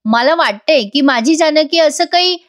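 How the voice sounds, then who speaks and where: A woman's voice: sits high, expressive, normal speed, pitched above the performer's own voice. A woman voicing a worried middle-aged mother who pleads and frets. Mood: anxious. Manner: pleading, anxious.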